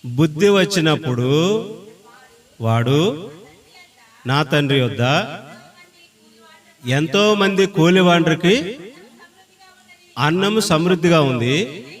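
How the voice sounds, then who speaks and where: A higher-voiced male preacher leads a church sermon, pausing to prompt the congregation to answer aloud. He speaks slowly and deliberately. The voice sits a bit far from the microphone. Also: lively intonation. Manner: sings a hymn slowly before preaching. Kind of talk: sermon with call-and-response. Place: church meeting hall. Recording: voice from far off the mic.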